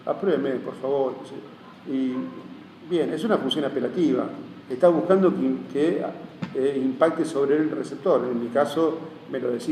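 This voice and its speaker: A man's voice: on the high side, dark tone. A man with a Rioplatense accent, giving a classroom lecture as a teacher. He rambles and keeps checking that his listeners are following. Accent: Rioplatense Spanish. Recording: echoey room, mic far off, faint hum.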